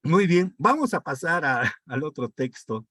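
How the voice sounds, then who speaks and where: Male teacher with a sore, husky throat; dry sound, slow unhurried pace. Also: mid-range voice, big pitch swings, pushed and bright, dry recording. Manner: reads text aloud, then breaks it down with rhetorical checks. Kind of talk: online reading comprehension class.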